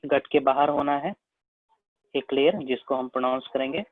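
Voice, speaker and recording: A man with an Indian accent giving a biology lecture, explaining step by step and checking in again and again with his students. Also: medium pitch. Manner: slow, repetitive, checks in with "है ना?" again and again. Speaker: biology teacher. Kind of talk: classroom lecture at a whiteboard. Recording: tinny phone-like sound, dry.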